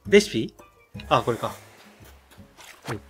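Man, casual gameplay chat, blunt, joking, very animated intonation, soft game music behind. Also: mid-range voice, measured pace. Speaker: game commentator.

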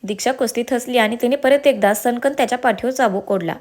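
A woman narrating a serialized family drama story with expressive storytelling. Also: on the high side, fast.

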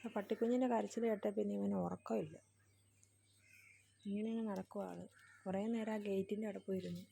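A woman's voice: medium pitch, fairly even intonation, fairly quick, creaky, warm tone, slight background noise. A woman with a Malayali accent, chatting casually and narrating while coaxing her pet dog in sing-song baby talk. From India. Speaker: pet owner vlogger.

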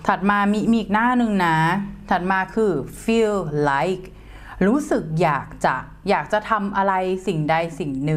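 A young woman explains grammar in an unhurried, measured way, stopping to spell words out letter by letter. Her voice sits at an ordinary middle pitch. She addresses her listeners as friends, with patient teaching. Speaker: English teacher.

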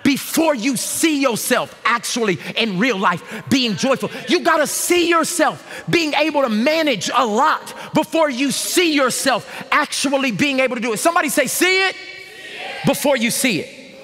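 A pastor in his thirties preaches a sermon from a large church stage, animated and shouting call-and-response lines to the congregation. His voice is very high, and the long reverb of a large hall surrounds it.

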